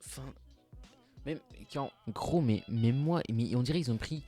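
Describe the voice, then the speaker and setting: A man's voice: mid-range voice, unhurried, mellow, soft background music. A young man hosting a casual reaction video, talking in slang, sounding exasperated and mumbling asides.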